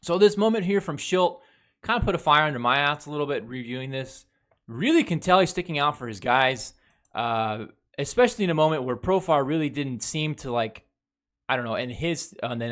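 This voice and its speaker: A man's voice: medium pitch, a bit bright. Blunt, foul-mouthed male sports fan. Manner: blunt and heavily profane; talks over game footage, reviewing plays. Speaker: baseball fan commentator. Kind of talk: casual sports recap commentary.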